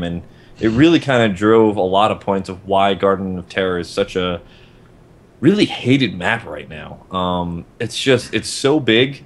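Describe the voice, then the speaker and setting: Man, gaming podcast co-host, casual chat, rambling delivery, restarts a lot. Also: fairly low pitch. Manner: rambling, restarts sentences often.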